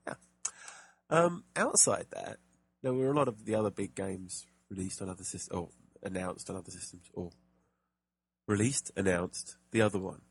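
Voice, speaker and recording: A man's voice: sits low, moderate pace, creaky, slightly rough, no room sound. A man co-hosting a casual gaming podcast, chatty and jokey, with plenty of fillers and restarts. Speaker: podcast co-host.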